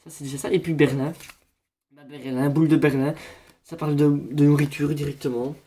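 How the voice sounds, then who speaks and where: A man's voice: on the high side, level tone, a little fast, dark tone. A man doing a parody horoscope reading, rambling in a mock-solemn fortune-teller manner. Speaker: comedian.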